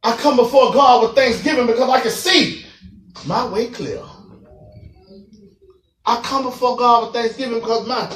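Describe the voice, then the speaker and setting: A man preaching to a group of parolees, animated, laughing and acting out voices as he goes. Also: extremely high pitch, moderate pace, long pauses. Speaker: prison minister. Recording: echoey room, mic far off.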